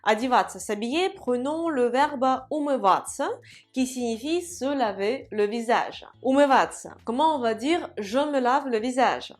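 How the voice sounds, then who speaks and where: A woman's voice: fairly high pitch, expressive, unhurried. A woman with a Russian accent teaching a language lesson, explaining rules and saying each form twice for learners to repeat.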